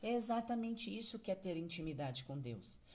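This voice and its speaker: A Brazilian woman preaching a morning devotional. She talks to her listeners in a familiar, conversational way and slips into casual acted-out prayers. Her voice sits at an ordinary middle pitch. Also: sing-song, moderate pace, darkish tone. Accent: Brazilian Portuguese.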